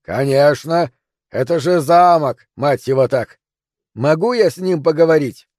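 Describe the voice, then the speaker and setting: Man reading as a rude guard on a castle wall, loud and mocking, mellow timbre. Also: a little high, animated, a little slow, dry recording, clean studio sound. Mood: mocking shouting. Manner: loud, mocking, shouted back and forth. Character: brash rude male castle guard shouting from battlements. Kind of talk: audiobook reading.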